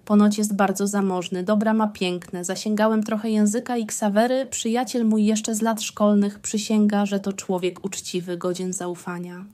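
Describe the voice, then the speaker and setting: A woman reading the lines of a cautious, anxious nobleman in his later years who is in failing health, in a measured, hesitant way. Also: medium pitch, flat delivery, warm tone, close to an everyday voice. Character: anxious ailing elderly nobleman count.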